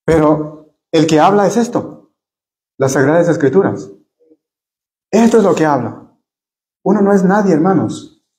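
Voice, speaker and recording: A man's voice: fairly high pitch, lively intonation, measured pace, long pauses, darkish tone. A man leading a church Bible study sermon, earnestly addressing his listeners as brothers and often repeating words as he searches for phrasing.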